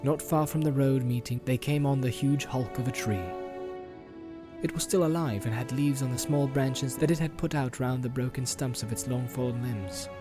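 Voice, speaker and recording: A male narrator reading a fantasy audiobook in calm, even storytelling. His voice sits at an ordinary middle pitch. Faint music runs quietly beneath him. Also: normal speed. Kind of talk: scripted narration.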